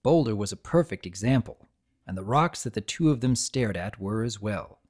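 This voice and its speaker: A man reading a story aloud as scripted dramatic narration, in a measured, expressive storytelling manner. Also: on the low side.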